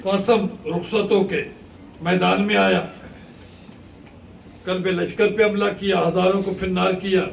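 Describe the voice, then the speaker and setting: A male cleric giving an impassioned mourning sermon, telling the story with rising, shouted lament. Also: sits high, little pitch movement, gravelly, pauses often, far from the mic. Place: large mosque hall. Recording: echoey hall recording from afar, faint hiss.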